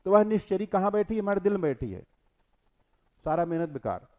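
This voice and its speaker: Swinging between loud and soft, a man's high-pitched, expressive voice moves a little fast through an exam-prep scripture lecture full of rhetorical questions and quoted verses. The audio sounds narrow and tinny.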